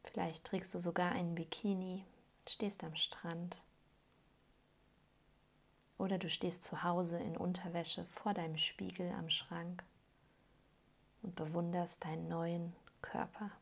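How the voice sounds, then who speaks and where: In this weight-loss meditation, a woman acting as a hypnosis guide speaks with a husky, somewhat low voice. Her delivery is very slow and calm with pauses between soft instructions, frequently sinking into breathy, creaky near-whispers.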